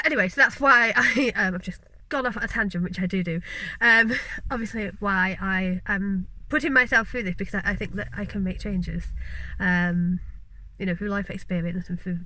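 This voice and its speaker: A woman's voice: mid-range voice, bright, forceful tone, rough recording. A mature woman with a Yorkshire accent from West Yorkshire, chatting earnestly to camera about her studies, with plenty of ums and tangents. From West Yorkshire, England. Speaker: vlogger, mature law student. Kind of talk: casual talking-to-camera vlog.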